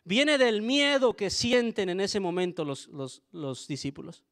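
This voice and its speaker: A man's voice: sits high, sing-song, a little slow. A young adult man, a pastor, preaching a sermon in an earnest, conversational way, often turning to his listeners with asides.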